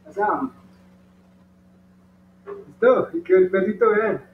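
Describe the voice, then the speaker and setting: A man with a high voice and a Colombian Spanish accent walks children through folding and coloring a paper dog, checking in with them often. He sounds distant from the microphone, in a roomy space. The recording is dull, with a faint hum underneath. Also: takes it slowly. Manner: patient, encouraging, talks to the kids directly. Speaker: origami instructor. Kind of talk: step-by-step craft tutorial for children.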